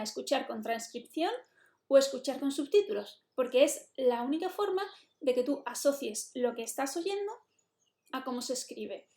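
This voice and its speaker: A woman's voice: high voice, darkish tone. A woman with a Spain Spanish accent, explaining an English lesson in a chatty, explanatory way and slipping in English phrases. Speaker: English teacher. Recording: roomy echo.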